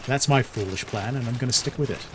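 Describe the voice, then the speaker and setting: A man's voice: mid-range voice, fast talker, background noise. A man streaming a game, giving wry, sarcastic casual commentary and swearing freely.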